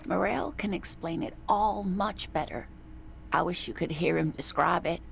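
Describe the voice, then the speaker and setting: A sweet, apologetic woman in a detective game, soft-spoken and kind. Her voice is lowish with a gravelly edge. A faint hum sits underneath. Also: moderate pace. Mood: gentle. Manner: gentle, apologetic.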